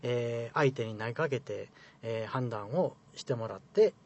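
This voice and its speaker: A man from Osaka, a radio guest explaining in a measured, polite way. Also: medium pitch, a little mellow.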